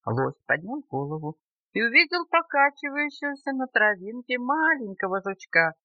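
Older woman, grandmother, storybook reading, lively lilting voice, dry close home cassette, dull tape sound. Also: on the high side, moderate pace, no room sound. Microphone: home cassette recorder.

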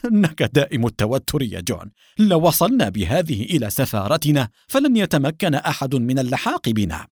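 A man's voice: medium pitch, huge pitch swings, a little fast, darkish tone, breathy edge, dry recording, studio quality, voice pushed up, heavily acted. A man voicing a smug, reckless male villain driving a getaway car, chuckling and scornful.

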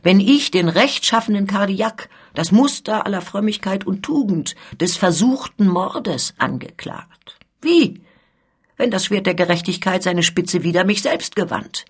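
A woman with a medium-pitched, animated and slightly rough voice reads the part of a proud, soldierly male count who is a guard colonel. She delivers the role in a measured, emphatic manner.

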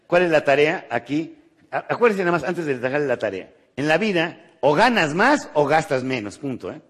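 A Mexican man giving a motivational lecture, animated and rhetorical, tagging his points with quick questions to the audience. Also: medium pitch, breathy edge. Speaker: motivational speaker.

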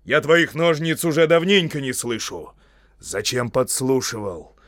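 Gandalf: a man doing a loud, stern old wizard. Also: medium pitch, very animated, a little slow, dry recording, clean studio sound. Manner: stern, commanding. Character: stern old male wizard, gruff but kindly.

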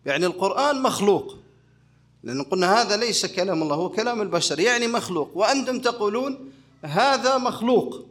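A sheikh delivering a religious lesson in a notably high male voice. He keeps his listeners involved by throwing out questions and answering them himself, building each point in a teaching rhythm. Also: fairly bright tone. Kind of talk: religious lecture.

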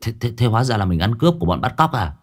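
A man's voice: mid-range voice, sing-song, racing. A man voicing a panicky young male student who stammers and repeats himself. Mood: flustered.

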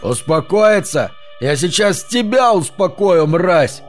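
A man's voice: high voice, sing-song, slow pace, soft background music, voice pushed up, heavily acted. A man doing a slurring drunk brute. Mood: drunken rage. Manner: slurred, violent shouting. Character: drunk raging man, neighbor.

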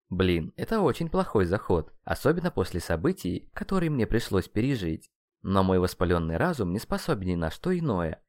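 A man's voice: low voice, no room sound. A man narrating a first-person audiobook with a wry, ironic tone.

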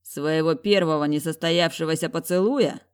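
A woman voicing an angry, possessive young man who speaks slowly through gritted teeth. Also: low-pitched, smooth, natural voice. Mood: stern. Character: stern possessive young man, barely holding anger.

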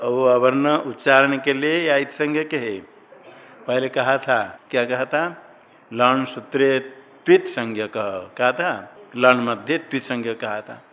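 A male teacher lecturing a class in a room with a long, ringing reverb. He asks questions and answers them himself, at an ordinary pitch, and has his students recite the lines together with him. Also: fairly bright tone. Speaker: Sanskrit grammar teacher.

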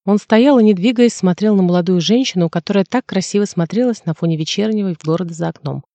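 A male narrator reads a novel aloud in a measured, reflective way. His tone is mellow and warm. The sound is dry and close. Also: high-pitched, no echo, highs cut off. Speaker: audiobook narrator. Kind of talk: scripted narration.

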